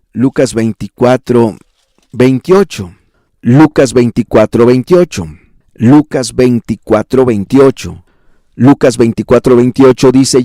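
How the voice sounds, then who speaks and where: A man preaching a fervent sermon as a pastor, repeating phrases and rising sharply in pitch for emphasis. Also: mellow, no room sound, clean studio sound. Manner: fervent preaching with repetition and sudden pitch rises. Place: church.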